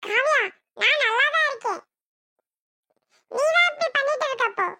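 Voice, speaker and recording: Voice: very high voice, expressive, moderate pace, bright, forceful tone, no echo, clean studio sound, full character voice. A voice actor playing a young husband in a cartoon, speaking with a Tirunelveli Tamil accent, exasperated with his wife and pleading with his aunt. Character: young husband, defiant then tearful. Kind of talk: cartoon voice acting.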